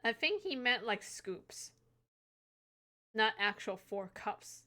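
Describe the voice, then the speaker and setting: A woman's voice: on the high side, expressive, slow pace, pushed and bright. A young adult woman hosting a live stream, chatting casually and teasing, laughing often. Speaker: livestream host.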